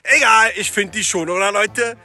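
A man's voice: high-pitched, moderate pace, bright, forceful tone. A man playing a game role-play, casual and joking, addressing viewers. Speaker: guest player.

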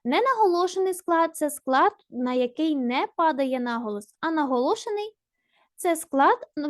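A woman's voice: high voice, no room sound, clean studio sound. A woman teacher giving a primary school language lesson, patient and encouraging, asking questions and answering them herself. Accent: Ukrainian.

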